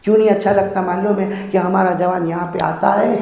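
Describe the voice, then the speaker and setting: A man from India delivering a sermon in a mosque, his voice sitting unusually high for a man. He jumps from loud, fired-up exhortation to quiet, drawn-in storytelling and keeps prodding the crowd to answer back. The sound rings around a big hall with a long, lingering echo. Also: vocal fry, muffled recording, slight background noise. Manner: animated, swinging between shouted exhortation and hushed storytelling; jokes and calls on the congregation to answer aloud. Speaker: preacher. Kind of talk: mosque sermon with humorous stories.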